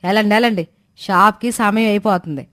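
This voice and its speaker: A shrewish middle-aged mother-in-law nags and jeers in a storybook tale, voiced by a woman. Her tone is sharp and sarcastic, at a medium pitch. The sound is dry and close, with no room echo. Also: brisk, lightly acted. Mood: scolding. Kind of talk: storybook voice acting.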